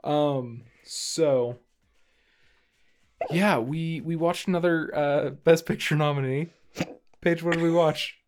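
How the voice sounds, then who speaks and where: A man's voice: on the high side, steady tone, takes it slowly, long pauses, a little hiss or hum. A man co-hosting a casual podcast, talking in a loose, rambling way and laughing often. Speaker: podcast co-host. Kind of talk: casual chat.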